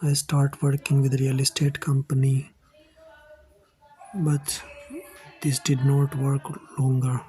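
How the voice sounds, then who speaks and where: Slow, earnest Indian English man. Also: mid-range voice, completely flat delivery, dark tone, soft background music, rough recording. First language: Hindi. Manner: halting, earnest, addresses viewers as guys. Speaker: channel host telling his own life story. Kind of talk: personal storytelling to camera.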